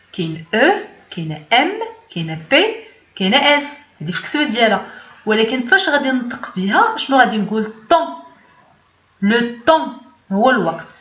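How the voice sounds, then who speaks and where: Lively Moroccan woman teaching, echoey. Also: mid-range voice. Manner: explains patiently, repeats words, lively teacher's cadence. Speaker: French teacher. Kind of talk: language lesson. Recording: echoey, dull lo-fi room sound.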